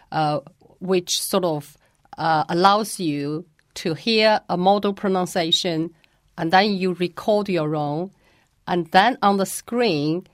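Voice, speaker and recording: A woman's voice: fairly low pitch, no room sound, clean studio sound. A woman who teaches Mandarin, answering interview questions patiently and carefully, and demonstrating pronunciations as she explains.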